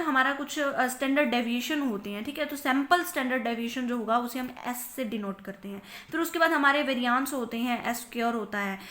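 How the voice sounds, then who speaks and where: A woman's voice: high voice, sharp tone. A young woman with an Indian accent, a commerce teacher giving a recorded lecture. She explains by asking and answering her own questions, repeats terms, and mixes English terms into Hindi.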